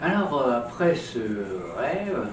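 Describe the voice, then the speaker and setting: Conteur hésitant, capté de loin. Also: male voice, on the high side, animated, slow pace. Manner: hesitant, with many fillers and repeats. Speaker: storyteller. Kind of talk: spoken storytelling. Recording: roomy, distant mic, ambient noise.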